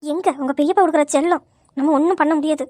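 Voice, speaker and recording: A woman's voice: sits high, fairly even intonation, fast, darkish tone, dry recording, studio quality, natural voice. A woman playing a fussing, resigned middle-aged aunt in a comedy sketch.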